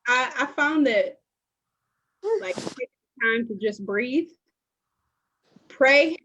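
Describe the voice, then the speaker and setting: A woman hosting a casual talk show, relaxed and conversational, sometimes drawling her words slowly. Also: high-pitched, slight background noise. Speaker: host. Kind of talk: casual chat.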